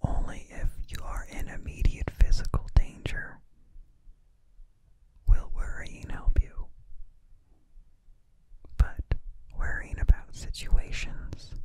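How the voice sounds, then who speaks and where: Young adult male for whispered ASMR pep talk: soft dark breathy whisper, soothing, repeated reassurances, close mic. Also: low-quality recording. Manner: soothing, repetitive, drawn-out phrases. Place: small dim indoor room. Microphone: studio microphone close to the mouth, binaural.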